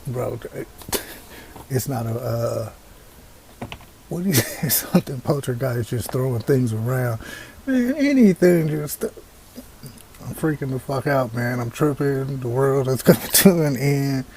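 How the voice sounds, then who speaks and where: A man casually reacting to scary videos, loud and joking, swearing and laughing often. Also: medium pitch, steady tone, slow, pauses often, a little hiss or hum. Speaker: reaction streamer.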